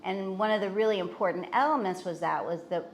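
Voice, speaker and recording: A middle-aged woman from Ohio, a guest on a podcast, telling her story in a warm, reflective, conversational way. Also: mid-range voice, fast, slight background noise. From Norwood, Ohio, USA.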